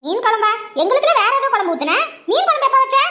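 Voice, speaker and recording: Skit: woman as a piercing, sharp-tongued scolding mother-in-law. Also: very high-pitched, very animated, fast talker, echoey room, very noisy. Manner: nagging and scolding. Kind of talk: village comedy skit.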